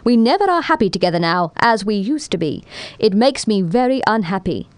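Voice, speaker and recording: A woman's voice: medium pitch, big pitch swings, fairly quick, clear, resonant tone, dry recording, natural voice. A woman storyteller voices a weary fairy king from a storybook, speaking plainly and pleading. The recording is dry and close. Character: weary fairy king, tired of quarrels, longing for peace.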